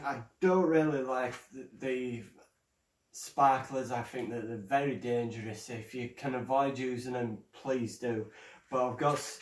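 A man's voice: mid-range voice, roomy sound, far from the mic. A man presenting his own vlog in a casual show-and-tell way, hesitant and stumbling like a first-timer. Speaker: fireworks vlogger.

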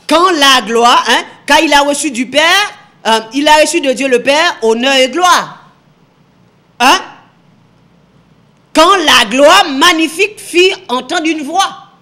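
Emphatic high-voiced woman teaching scripture. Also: sharp tone. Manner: emphatic, repeats phrases, asks rhetorical questions. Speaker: Bible teacher. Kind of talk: televised Bible teaching.

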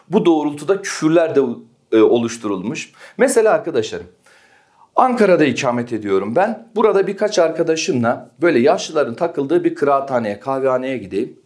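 Lively male history teacher. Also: a little high. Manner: lively, asks the class questions and answers them himself. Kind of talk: exam prep lecture.

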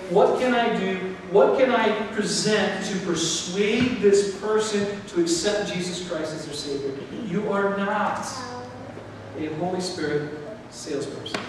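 A middle-aged pastor preaches a sermon indoors in a church sanctuary, his voice fairly high and animated as he gestures and acts out what people are thinking. He's captured by a far-off camera with no mic on him, so the sound is echoey and carries background noise.

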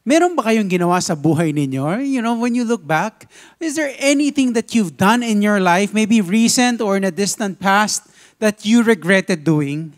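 A pastor with a Filipino accent preaching a sermon, telling a lively story and switching between Tagalog and English. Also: sits high, moderate pace.

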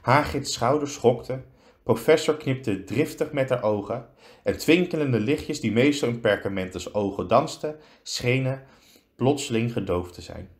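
A man, a teacher, reading a children's story aloud, slowing down for effect. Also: medium pitch.

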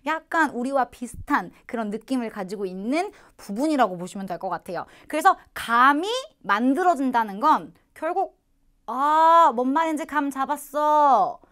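A Korean woman teaching English phrases to learners, explaining patiently and modeling English phrases slowly. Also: fairly high pitch.

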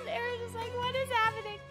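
Over music, a young adult woman speaks at a moderate pace in a very high voice, chatting casually on a livestream while playing a game in a small indoor room. The streamer and voice actor is playful and bubbly, dramatically acting out little quotes.

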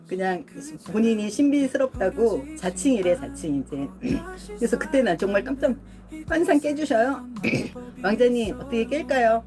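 A middle-aged woman hosts a casual live stream, talking loosely to her viewers with a lively, swooping pitch. She laughs easily and clears her throat often between remarks. Music plays clearly in the background. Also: normal speed. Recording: music playing behind.

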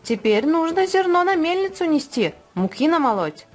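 A woman voicing two lazy, playful little mice in a children's storybook reading, with a squeaky piping voice. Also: very animated, moderate pace, a little mellow, faint music behind. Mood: squeaky, carefree.

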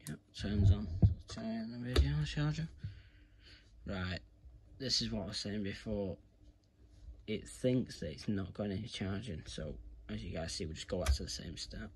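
A British man presents a casual hands-on tutorial, recorded on a phone camera that films his hands in a carpeted room at home. His voice is fairly low and darkish, at normal speed, and his delivery is informal, rambling and repetitive. A little hiss or hum is audible.

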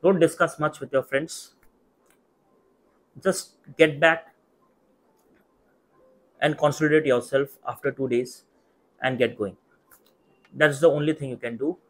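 A young adult man with an Indian accent giving earnest, measured and reassuring advice straight to camera. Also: a little high, fairly even intonation. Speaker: YouTube mentor for medical exam students. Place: small indoor study room. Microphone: clip-on lapel mic.

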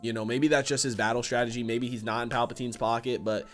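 A man's voice: mid-range voice, little pitch movement, fast, soft background music. A man in his twenties giving casual reaction commentary as host, slangy and profane. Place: small indoor room with shelves.

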